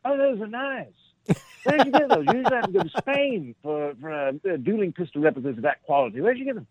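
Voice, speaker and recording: A man's voice: sits high, sing-song, fast, no room sound, voice pushed up. A man voicing a cheerful, courteous armed English soldier, on a tinny, dry phone-like line. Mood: chipper.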